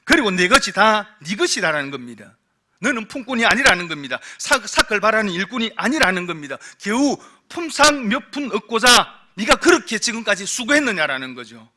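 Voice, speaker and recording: A man preaching a Sunday sermon as pastor, asking the congregation rhetorical questions and moving between forceful emphasis and hushed, low passages. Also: very animated, a little fast. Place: church sanctuary.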